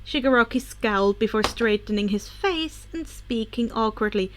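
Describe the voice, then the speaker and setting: High-voiced woman reading fanfiction aloud. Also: lively intonation, moderate pace. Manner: casual, occasionally corrects misreads. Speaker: podfic reader.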